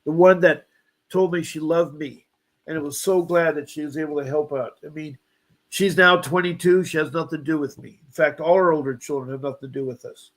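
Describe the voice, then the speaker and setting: Brisk and steady in tone, with a voice a little on the high side, a seventies-aged male guest relates a personal story. He keeps restarting and adding asides, pressing the point that an injustice was done to him.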